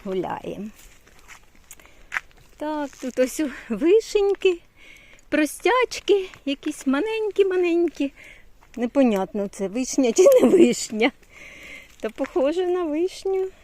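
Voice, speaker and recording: A woman's voice: high-pitched, very animated, a little slow, long pauses, dark tone, no echo. A retired woman in her sixties from Ukraine, chatting casually in a vlog and cooing baby talk to a toddler on an evening walk outdoors. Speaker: retired vlogger, great-grandmother.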